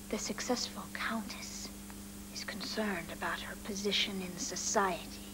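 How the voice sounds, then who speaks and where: A woman's voice: medium pitch, background noise, close to an everyday voice. An actress playing a bitter young model who cuttingly accuses the older women around her in a 1980s TV drama. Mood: mocking. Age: young adult. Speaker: actress in a TV miniseries.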